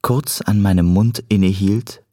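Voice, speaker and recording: A man narrating a novel in the first person, in a measured storytelling manner, close to the mic. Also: lowish voice, steady tone, mellow, no echo. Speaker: audiobook narrator.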